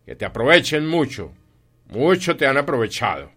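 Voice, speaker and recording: A man voicing a grumpy, miserly old moneylender in an audiobook, gruff, curt and scornful. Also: mid-range voice, lively intonation, measured pace, voice pushed up, close to an everyday voice. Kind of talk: audiobook reading.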